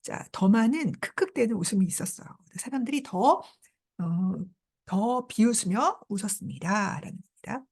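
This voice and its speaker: Lively, creaky-voiced woman teaching English. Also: medium pitch, moderate pace. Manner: lively, repeats prompts such as "자" and "그죠?". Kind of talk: reading a novel aloud and explaining it in Korean.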